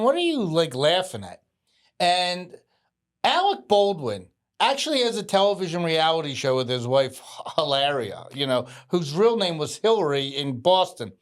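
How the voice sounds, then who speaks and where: A man co-hosting a podcast in casual chat, talkative and laughing as he tells stories. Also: a little high. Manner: chatty, laughs while talking. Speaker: podcast co-host.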